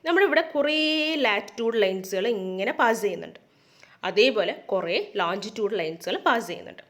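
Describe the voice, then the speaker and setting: A woman teacher explains a lesson, mixing in English terms and asking questions that she answers herself. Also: medium pitch. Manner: mixes English terms into her speech.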